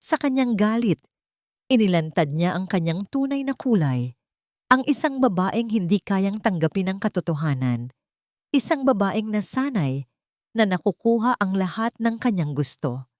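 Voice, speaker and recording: A woman with a Filipino accent narrates a scripted dramatic story in a very animated way. Her mid-range voice has a darkish tone and moves at normal speed, recorded dry with clean studio sound.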